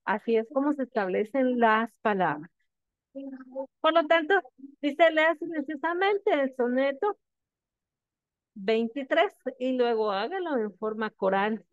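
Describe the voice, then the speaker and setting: A woman's voice: high-pitched, lively intonation, a little slow, pauses often, dry recording. Patient woman teacher on a tinny line. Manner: patient explaining, frequent checking questions. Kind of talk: classroom lecture. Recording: dry, tinny phone-like sound.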